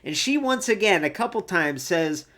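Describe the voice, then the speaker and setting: 热情健谈的女主播. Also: female voice, lowish voice, lively intonation, normal speed, a bit bright. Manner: chatty and enthusiastic, acts out quotes. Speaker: wrestling recap host. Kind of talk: casual solo recap commentary.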